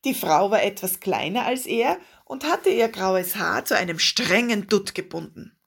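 Husky woman reading a children's story. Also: medium pitch, expressive, measured pace. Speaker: narrator.

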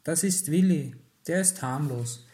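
Brief: curt, indignant upper-class father in a storybook, slow and stiff, a male narrator voicing him. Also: fairly high pitch, dark tone, pitched above the performer's own voice, close to an everyday voice. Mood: stern. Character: stern proper father of an upper-class family.

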